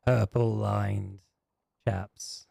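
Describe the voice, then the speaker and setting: Gravelly low-voiced man, calm and firm. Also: extremely slow, dry recording, studio quality. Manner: calm, firm, matter-of-fact. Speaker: roleplay gamer. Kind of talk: in-character roleplay chat.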